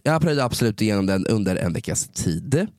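A man co-hosting a casual chat, telling stories with lively acted-out quotes and frequent swearing. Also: fairly low pitch, dry recording, clean studio sound. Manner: animated, acts out quoted exchanges in a raised voice; sprinkles English phrases and swearing. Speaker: podcast co-host.

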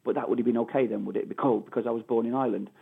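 A former footballer, middle-aged and from Manchester in England, speaks with a Mancunian accent down a phone line, answering an interviewer forcefully and repeating phrases for stress. He races along in a creaky, husky, medium-pitched voice with fairly even intonation.

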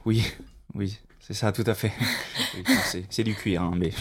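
A man playing a sleazy, scheming hypnotist doctor in an improvised comedy scene, pompous and quick to irritation. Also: lowish voice, steady tone, husky. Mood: smarmy. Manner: pompous, easily irritated, hesitant. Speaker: improv performer. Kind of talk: improvised comedy role-play.

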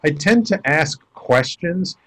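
A man's voice: a little high, slow pace. A man who works as a life coach, telling stories as a guest in a casual interview and acting out the dialogue in them. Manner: animated storyteller acting out quoted dialogue.

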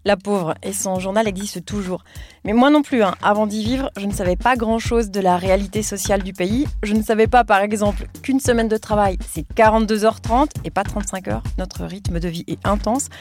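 A woman who grew up in France, a radio journalist co-hosting a documentary with calm, clear narration. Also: medium pitch, fairly quick, soft background music.

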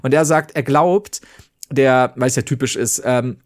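A man hosting a podcast, telling a story in casual chat and acting out the quoted dialogue with big leaps in pitch, swearing casually. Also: a little slow. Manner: swears casually, rambling restarts. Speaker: podcast host.

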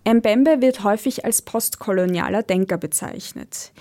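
A woman reading a scripted documentary narration in an even, measured way. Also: mid-range voice.

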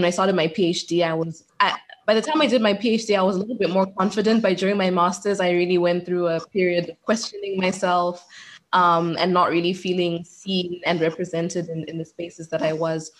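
A Zimbabwean woman in her twenties, a PhD researcher, speaks as an interview guest over a call, reflective and articulate. Her voice sits on the low side, and the recording is rough.

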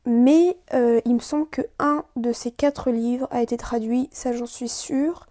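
Chatty high-voiced woman podcaster. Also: steady tone, a little slow, warm tone. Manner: chatty, many fillers and restarts. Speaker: podcast host. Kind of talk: casual solo podcast chat.

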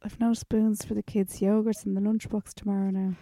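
A woman's voice: mid-range voice, flat delivery, fairly quick, dark tone, no room sound. A woman co-hosting a casual chat podcast, telling rambling stories with plenty of giggles. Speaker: podcast co-host.

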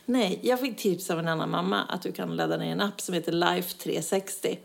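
A woman's voice: on the low side, gravelly. A middle-aged woman co-hosting a casual chat, giving short encouraging replies and telling everyday stories. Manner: warm listener, gives short encouraging replies. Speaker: podcast co-host.

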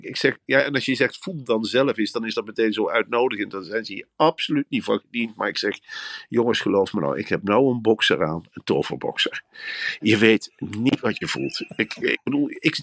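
A man co-hosting a podcast, riffing through a rambling, over-the-top comic ad read that swings into high, excited exclamations. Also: creaky, dry recording. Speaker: podcast co-host reading an ad.

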